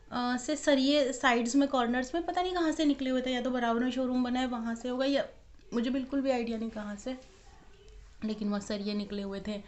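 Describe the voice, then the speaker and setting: A woman's voice: fairly high pitch, a little mellow. Worried young mother telling a home story. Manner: worried, emotional retelling with quoted dialogue. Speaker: vlogger, mother of twins. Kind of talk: casual storytelling vlog. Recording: dull lo-fi audio.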